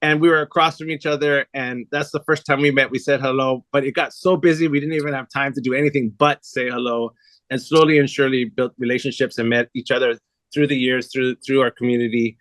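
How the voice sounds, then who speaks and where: A man's voice: mid-range voice, steady tone, brisk, a bit bright. A male host with an ordinary mid-range voice introduces and questions his guest with plenty of enthusiasm, doubling words for emphasis. The recording is dry and close, with no echo. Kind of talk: casual interview chat.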